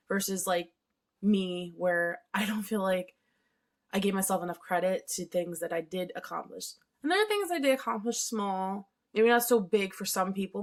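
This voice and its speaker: A thirty-year-old woman vlogging in a chatty, candid way, swearing freely and eating while she talks at home. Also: medium pitch. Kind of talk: casual confessional vlog.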